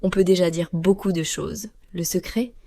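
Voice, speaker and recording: A woman co-hosting a learners' podcast, speaking clearly and slowly like a teacher. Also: on the low side, fairly even intonation, dark tone, no echo, clean studio sound. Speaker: podcast co-host. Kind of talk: scripted podcast dialogue for learners.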